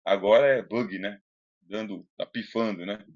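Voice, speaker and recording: A man's voice: lowish voice, fairly even intonation, unhurried, a little mellow. Brazilian man lecturing informally, slightly dull audio. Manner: didactic, conversational, asks the listener rhetorical questions. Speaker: philosophy lecturer. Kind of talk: informal recorded lecture with read-aloud passages. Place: closed room indoors. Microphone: close Bluetooth microphone.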